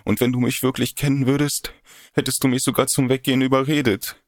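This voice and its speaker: A man voicing a tearful, secretive young woman in an audiobook, his voice lifted higher and softer than his narration, pleading between sobs. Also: flat delivery, a little fast, no room sound, studio quality, natural voice. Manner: sobbing, pleading.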